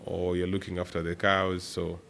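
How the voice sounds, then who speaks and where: Deep-voiced man telling farm stories. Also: normal speed, creaky, a little hiss or hum. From Kenya. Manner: animated storyteller who laughs while telling anecdotes. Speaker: podcast guest, startup executive. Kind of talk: relaxed storytelling interview.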